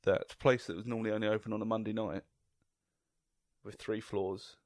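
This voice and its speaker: A man's voice: fairly low pitch, fairly even intonation, normal speed, darkish tone, dry recording. A young man, co-hosting a casual podcast, telling crude stories and laughing often. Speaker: podcast co-host. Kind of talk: casual chat.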